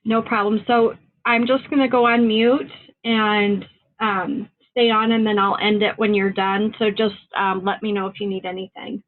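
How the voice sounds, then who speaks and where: A woman's voice: medium pitch, flat delivery, normal speed. Helpful woman on a tinny line. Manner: helpful and apologetic. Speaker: office staff helping with the call. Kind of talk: casual call chat. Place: office.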